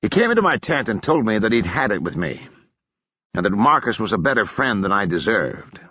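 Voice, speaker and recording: A lanky soldier officer with a dry, deadpan wit, as a male narrator puts him on, his husky voice lifted above the reader's usual low tone. The lines swing lively in pitch. The audiobook recording is dry and a little dull. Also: a little fast, no echo, full character voice. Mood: wry. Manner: deadpan, ironic.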